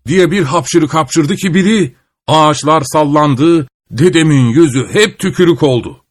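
A man narrating a folk tale aloud in a steady storytelling manner. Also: on the high side, measured pace, no echo, studio quality.

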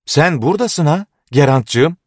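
A frantic, half-mad old clockmaker, as a male audiobook narrator puts him on, crying out in anguish. The voice is pushed up high and strained. It sounds close and dry, with no room around it. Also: lively intonation, moderate pace, dry recording. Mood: overjoyed. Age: older. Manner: anguished shouting.

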